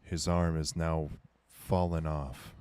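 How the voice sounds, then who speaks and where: A man's voice: very deep voice, flat delivery, takes it slowly, darkish tone, smooth, no echo. A man running a tabletop game as game master, narrating a violent scene in grim, dramatic tones. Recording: faint background music.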